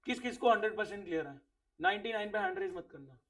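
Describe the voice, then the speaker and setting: A man teaches accounts to a room of students, high and lively in pitch with a gravelly edge. He quizzes them strictly and repeats key words. His voice sounds a little distant from the mic. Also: fast talker. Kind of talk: classroom teaching. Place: classroom.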